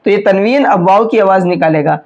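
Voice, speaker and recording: A man's voice: high voice, darkish tone. Patient man teaching recitation, dull lo-fi sound. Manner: patient, repeats rules and checks understanding; stretches out slow recited examples. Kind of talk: step-by-step recitation lesson. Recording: dull lo-fi recording.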